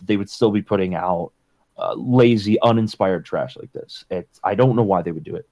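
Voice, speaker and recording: A man's voice: sits low, moderate pace, dark tone, dry recording. A man giving a scathing, blunt, sweary critique in casual video game talk as a podcast co-host.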